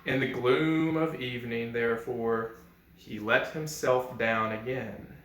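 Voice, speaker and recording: A man narrating a fairy tale as a storyteller, with expressive, dramatic and deliberate phrasing. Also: mid-range voice, a little hiss or hum. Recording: echoey, roomy sound.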